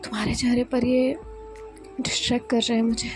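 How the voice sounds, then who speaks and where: A woman voicing a young college woman in love, speaking softly and tenderly in a storybook romance. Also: on the high side, flat delivery, brisk, soft background music, natural voice. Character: young woman in love, shy but bold.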